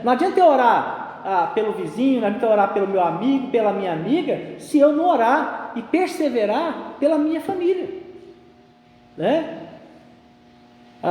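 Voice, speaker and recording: A pastor preaches a sermon in a conversational style, often ending his sentences with a questioning "né." His voice sits high with a darkish tone, and the recording has the echo of a large hall.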